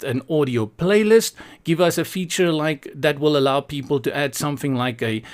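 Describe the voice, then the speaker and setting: In this casual software tutorial, the presenter is a South African man who is playful and opinionated, musing aloud as he works. His voice sits a little high.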